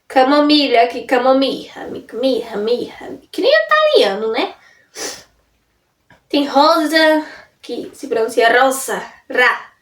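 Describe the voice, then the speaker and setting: A young woman vlogging in a casual, rambling way, often breaking off and restarting her sentences. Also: sits high. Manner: rambling, self-interrupting, chatty. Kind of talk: casual chat to camera. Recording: roomy sound from a distance off the mic.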